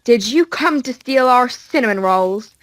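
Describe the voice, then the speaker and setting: A woman voicing a gruff, playful dog-eared man in an audiobook, nearly growling. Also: fairly high pitch, expressive, unhurried, no room sound. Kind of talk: audiobook character voice.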